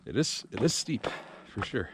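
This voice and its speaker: Hushed low-voiced man hiking outdoors. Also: normal speed, background noise. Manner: hushed, half-whispered talk while hiking; relaxed, rambling, lots of fillers. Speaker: trail runner vlogging a hike. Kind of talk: casual outdoor vlog narration. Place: outdoors on a remote canyon trail.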